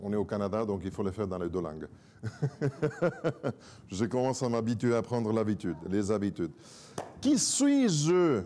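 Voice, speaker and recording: A man's voice: lowish voice, fairly quick, pauses often, a little hiss or hum. A man, a native Spanish speaker, giving a church talk as guest preacher in a joking, self-mocking way. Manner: joking, self-mocking, lively, moves a lot.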